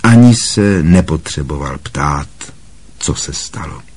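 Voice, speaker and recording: Deep husky male audiobook narrator. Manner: steady storytelling. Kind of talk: scripted narration.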